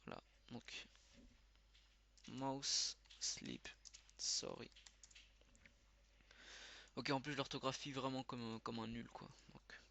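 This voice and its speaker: A man giving live commentary as he plays, thinking aloud with quick muttered exclamations. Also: medium pitch, steady tone, fairly bright tone, slight background noise. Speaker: channel host. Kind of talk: live commentary while playing.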